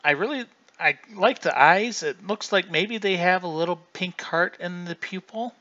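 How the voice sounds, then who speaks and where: A man's voice: high voice, moderate pace, bright, forceful tone, muffled recording. A man hosting a casual livestream, chatty and rambling, often restarting mid-sentence. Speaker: livestream host.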